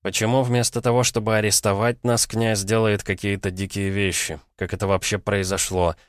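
A male audiobook narrator with a very low, deep voice reads in a measured, dramatic way. The recording is close and dry, with no room sound. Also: flat delivery, no echo. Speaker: audiobook reader. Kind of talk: scripted narration.

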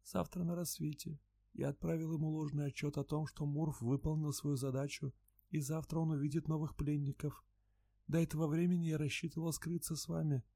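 A man's voice: a little high, level tone, a little fast, creaky, no room sound, pitched above the performer's own voice. Man doing a whispery timid alien creature. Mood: fearful, hushed. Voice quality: soft rustling whisper. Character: timid robed alien creature, male, fearful.

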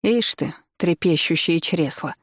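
A woman voicing a bossy, sharp-tongued old grandmother who grumbles and scolds bluntly, recorded dry and close. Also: low-pitched, unhurried, dry recording. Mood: grumbling. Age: older.

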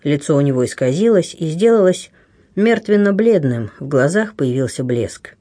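A man narrating an adventure novel in a measured, expressive storytelling manner. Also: a little high. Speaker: audiobook narrator. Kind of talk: scripted narration.

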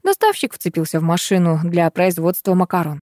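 A woman's voice: on the low side, expressive, a little fast, darkish tone, no room sound. Woman narrating a comic story, dry sound. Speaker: audiobook narrator. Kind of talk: first-person scripted narration.

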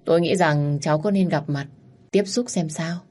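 A woman voicing a reserved, old-fashioned wealthy man who lectures calmly in an audio story. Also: low voice, moderate pace. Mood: lecturing. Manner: calm, lecturing.

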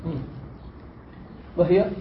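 A man teaching a grammar lesson, asking his students questions, repeating their answers and explaining the text. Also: slow pace. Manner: quizzes students, repeats their answers, then reads and explains with rising force. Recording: roomy, dull lo-fi lecture recording with faint hiss.

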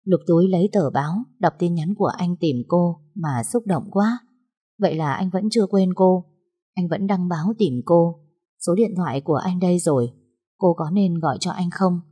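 A woman narrating a story in a calm, measured reading voice. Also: lowish voice, husky.

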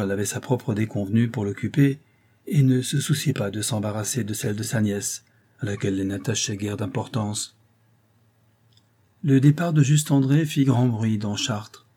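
Male novel narrator, mellow and husky, steady delivery. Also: on the low side. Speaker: audiobook narrator.

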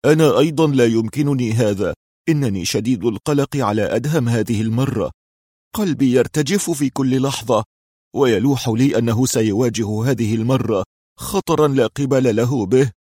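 Brief: male narrator playing a gentle, anxious older man, soft and sympathetic, dry close sound. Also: medium pitch, moderate pace, no echo, lightly acted. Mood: worried. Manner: tender, sympathetic.

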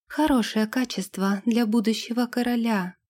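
A woman's voice: fairly high pitch, fairly even intonation, normal speed, darkish tone, natural voice. A woman reading an audiobook, voicing a proud young bride with a cutting, scornful manner.

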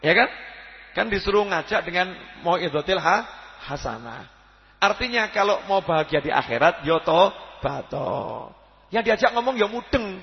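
A man's voice: sits high, moderate pace, gravelly, long pauses. A man preaching a sermon, telling stories, acting out prayers and quoted voices, and asking his listeners questions. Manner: lively storytelling, acts out quoted prayers and voices, asks the audience questions. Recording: dull lo-fi sound with long reverb in a hall.

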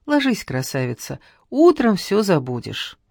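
Reader putting on a sweet old nanny, slow and cooing, crossing herself, dry close sound. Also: medium pitch, big pitch swings, vocal fry, a little mellow, no echo, full character voice. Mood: soothing. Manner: slow, soothing, folksy endearments. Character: tender old peasant nanny, pious and fussing. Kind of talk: audiobook character reading.

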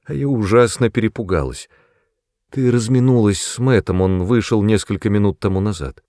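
A man's voice: on the low side, moderate pace, dark tone, no room sound, studio quality, close to an everyday voice. A man doing a timid, fretful mother. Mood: anxious. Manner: fretful, pleading. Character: timid, anxious middle-aged mother.

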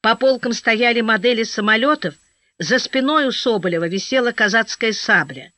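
A woman narrating a first-person audiobook story in a steady storytelling manner, voicing the dialogue. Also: fairly high pitch, normal speed, no room sound. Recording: dry, slightly dull audio.

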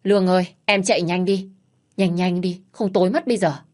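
A woman voicing a lively, headstrong young daughter who speaks eagerly. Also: medium pitch, moderate pace, lightly acted. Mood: urgent. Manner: eager, pleading.

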